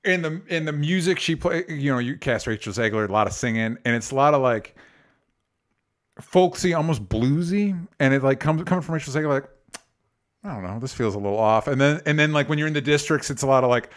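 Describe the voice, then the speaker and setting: A man co-hosting a casual film podcast. He talks in a loose, conversational way and often stops to add an "um" or to start a sentence over. His pitch sits in the middle for a man. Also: animated, a little fast. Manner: chatty, hesitant with fillers and restarts. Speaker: podcast co-host. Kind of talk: casual movie chat.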